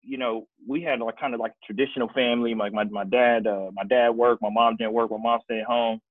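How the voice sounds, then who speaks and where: A man from Kansas City, Missouri, casually tells his life story as a guest on a podcast, with many restarts. His mid-range voice has fairly even intonation and moves fairly quickly, and the recording is dry and tinny, like a phone.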